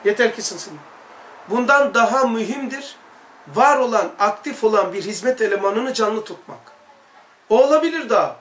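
A man's voice: high voice, expressive, normal speed, fairly bright tone, slight background noise. A man giving an informal religious lesson to a study circle, talking conversationally with rhetorical questions and repeated lists. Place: study hall. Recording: echoey room.

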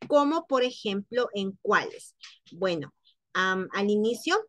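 Brief: female language teacher, unhurried, somewhat high voice, repeats each word for students, dry close sound. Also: dry recording. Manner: slow, repeats words for students to copy. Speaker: French teacher. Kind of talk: pronunciation lesson.

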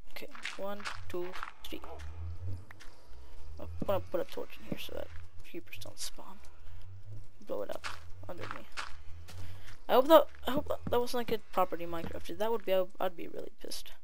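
A teenage girl from Chile chatting through a video game session, rambling, joking and counting things out loud to herself. Her mid-pitched voice comes through a desk mic with a clear hiss and steady clicking behind it. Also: moderate pace, rough recording. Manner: rambling, jokey, talks to self, counts aloud. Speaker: let's play gamer. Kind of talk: casual gameplay commentary.

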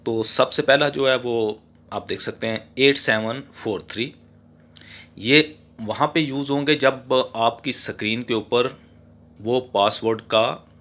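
Bright-voiced man doing a how-to. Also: mid-range voice. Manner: chatty, often tags lines with 'okay'; voice-over with no face on screen. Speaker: host of a TV repair channel. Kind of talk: casual how-to tutorial.

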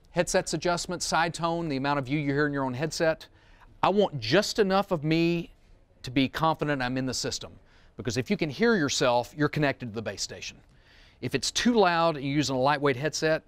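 Through a close wireless mic, a middle-aged man with a medium-pitched, clean voice and no room sound leads a seminar. He sits at a demo table among a small group in a studio room, giving an informal, plain-spoken technical product demo with casual asides.

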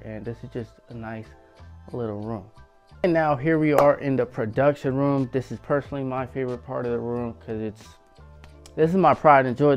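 A young man gives a casual walkthrough of his home basement screen-printing shop, explaining each room in a relaxed way on a lapel mic. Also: medium pitch. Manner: relaxed, explanatory, leans on fillers like "game changer". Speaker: small business owner giving a shop tour.

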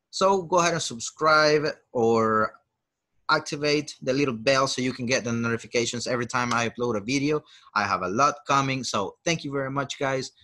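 A man's voice: mid-range voice, pushed and bright. A man whose first language is Spanish, teaching English grammar as a chatty, encouraging video host. He switches between Spanish and English and drills example sentences. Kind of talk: lesson.

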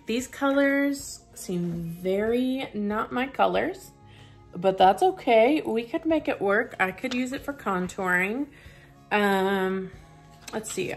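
A young woman speaks in a mid-range voice with vocal fry, chatting casually as a beauty vlogger reviewing a subscription box. She unboxes and tests the makeup, thinking aloud with plenty of fillers.

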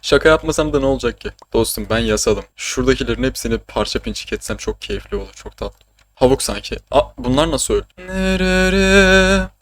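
A man's voice: mid-range voice, quick pace. A young man from Turkey chatting casually while streaming a game, joking, swearing and often laughing. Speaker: gaming streamer. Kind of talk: casual gaming commentary.

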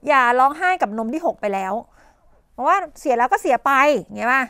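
A woman teacher explaining English idioms in a televised tutoring lesson, coughing now and then and dotting her talk with polite fillers and quick questions to the class. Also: high voice, animated, fairly bright tone, no room sound, clean studio sound. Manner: coughs and clears her throat often.

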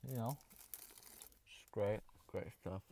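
A teenage boy rambling offhand through a casual snack review in his parked car, often dropping into low, soft asides. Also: takes it slowly, slight background noise.

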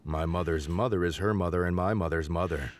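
A man voicing an awkward, gross male talk-show host in a low, mumbling drawl. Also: brisk, natural voice. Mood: deadpan mumble.

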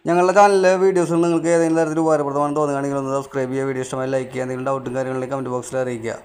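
Fast-talking electrician explaining wiring work. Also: male voice, mid-range voice, darkish tone. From Kerala, India. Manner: instructive, matter-of-fact. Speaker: electrician and channel host. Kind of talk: on-site how-to narration. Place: outdoors at a house build site.

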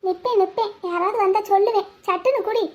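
A woman's voice: very high-pitched, quick pace. A woman voicing a bossy little village girl in a cartoon. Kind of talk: Tamil cartoon dubbing.

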